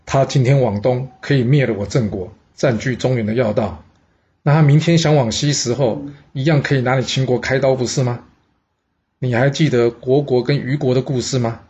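A man's voice: mid-range voice, normal speed, a little mellow, husky. A man voicing an aging male envoy who reasons earnestly, step by step. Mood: persuasive. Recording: dull lo-fi audio.

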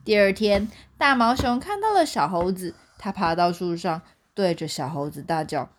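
A young woman with a Taiwanese Mandarin accent reading a picture book aloud to her child at bedtime, in an animated storytelling way. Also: fairly low pitch, normal speed, slight background noise.

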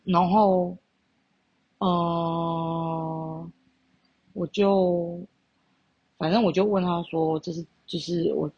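A woman's voice: on the low side, vocal fry, breathy edge, no echo. A woman with a Taiwanese Mandarin accent, hosting a podcast and telling a story in a candid, blunt way, swearing freely. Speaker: podcast host. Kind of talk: casual storytelling chat.

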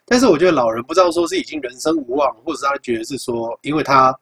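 A young man with a Taiwanese Mandarin accent, hosting a podcast and telling a story in a casual, animated, profane way, acting out the dialogue. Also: a little high, very fast, gravelly, a crowd in the background. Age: young adult. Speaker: podcast host.

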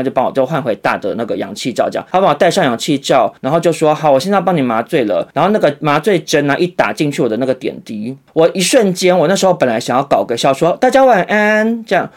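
Man in his thirties, podcast storytelling, animated, somewhat high voice. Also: fast. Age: 30s. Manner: animated, acts out other people's lines in raised voices. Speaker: podcast host. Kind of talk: casual storytelling.

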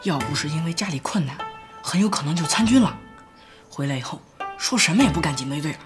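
An actress playing a resistance agent who briefs a comrade in a steady, matter-of-fact way. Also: female voice, low-pitched, fast, music in the background. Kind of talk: radio drama acting.

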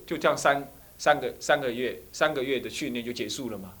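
A man, a Buddhist abbot giving a dharma class to monastic students and telling personal stories in an animated way. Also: a little high. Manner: animated storyteller who acts out dialogue.

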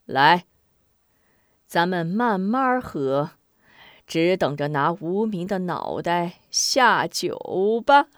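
A woman's voice: fairly low pitch, lively intonation, extremely slow, dry recording, studio quality. A woman voicing a smug, scheming male army adviser with a sly gloating tone.

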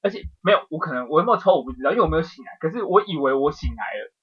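A man tells a dream in a rapid, excitable rush that tumbles from one scene to the next. His voice sits on the high side. The recording sounds dull and lo-fi, like a home podcast. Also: over a noisy crowd. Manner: excitable storytelling, rapid, swears casually. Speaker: podcast co-host. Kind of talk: casual chat, telling a dream.

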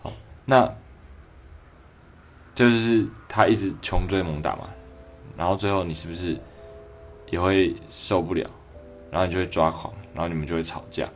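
Brief: deep-voiced man with a Taiwanese Mandarin accent, a doctor talking things over on a livestream, mulling aloud, faint music behind. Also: normal speed, long pauses. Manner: reflective, conversational, acting out quoted people. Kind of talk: livestream advice talk.

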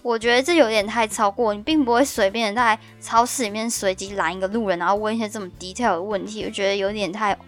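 A young woman in her twenties with a Taiwanese Mandarin accent, hosting a casual podcast and telling stories in an animated, exclamatory way. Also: medium pitch, fast, hardly any pauses, faint music behind. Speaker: podcast host.

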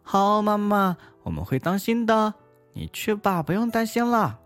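A man voicing a chorus of defiant little kid goats in a comic bedtime story, shrill, loud and sassy. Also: very animated, moderate pace, soft background music. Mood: obliging.

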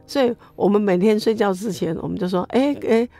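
A woman's voice: mid-range voice, quick pace, gravelly, soft background music. A middle-aged woman with a Taiwanese Mandarin accent, giving her personal faith testimony as an interview guest, telling it with lots of exclamations. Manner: animated storytelling with many exclamations.

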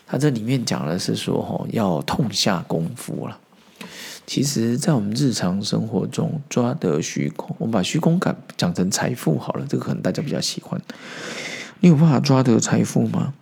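Man, gravelly husky voice, casual teaching podcast, chatty asides. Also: lowish voice, expressive, normal speed, a little mellow. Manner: retells dialogue with acted quotes, chatty asides. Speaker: podcast host. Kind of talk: casual Buddhist teaching talk.

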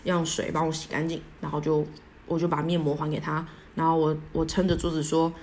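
A young woman tells a personal story alone as a podcast host, halting and self-deprecating, full of restarts. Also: deep voice, little pitch movement, darkish tone, a little hiss or hum.

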